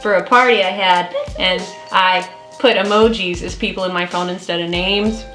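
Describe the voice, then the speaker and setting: A woman's voice: lowish voice, steady tone, moderate pace, a bit bright. A woman hosting a casual reaction chat, bubbly and giggly, often laughing. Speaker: host. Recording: echoey room, faint music.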